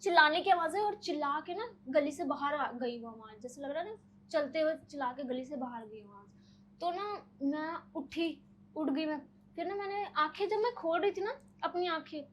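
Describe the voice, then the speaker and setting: A young woman, a podcast guest, telling personal stories in a casual, animated way, often using filler words. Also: high-pitched, normal speed, slight background noise, poor audio. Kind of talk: casual storytelling.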